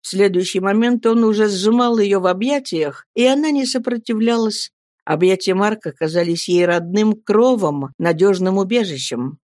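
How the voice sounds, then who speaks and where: A woman's voice: mid-range voice, moderate pace, a little mellow, no echo, studio quality. Woman narrating an audiobook. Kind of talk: scripted narration.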